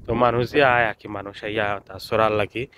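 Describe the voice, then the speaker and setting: A man with a Sylheti accent talks casually in a slightly low voice while filming outdoors by a lake, repeating himself and filling pauses. There is a faint hum of open air behind him. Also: little pitch movement, a bit bright. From Sylhet, Bangladesh. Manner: chatty, repetitive, with many filler sounds. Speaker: vlogger. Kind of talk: casual vlog narration.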